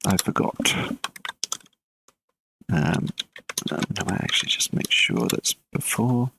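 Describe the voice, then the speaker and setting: Deep, slow, and gravelly, this man's voice comes through over background noise as he streams a live game-coding session. He works in a relaxed way, muttering and thinking aloud, and chats casually with viewers between code.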